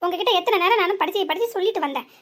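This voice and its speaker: Cartoon: a voice actor playing a young wife, southern Tamil Nadu accent, very high and fast, scolding. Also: fairly bright tone. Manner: scolding, rapid-fire complaints. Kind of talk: cartoon voice acting.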